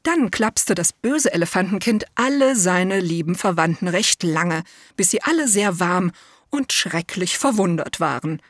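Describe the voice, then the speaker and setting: A woman reading a children's storybook aloud, gentle and measured, as if telling it to a child. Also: lowish voice, lively intonation, dry recording, clean studio sound.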